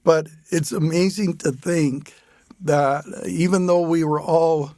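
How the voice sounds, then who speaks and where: Older man, podcast host, fairly high voice, dry close sound, easygoing, good-humored. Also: steady tone, slow pace, no room sound. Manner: warm-humored, laughs easily, restarts phrases. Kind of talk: relaxed conversational interview.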